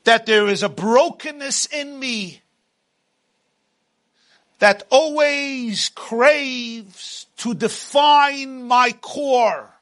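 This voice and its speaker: A man giving a motivational sermon as a religious speaker, with dramatic, emphatic phrasing and deliberate repetition. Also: extremely high pitch, pushed and bright.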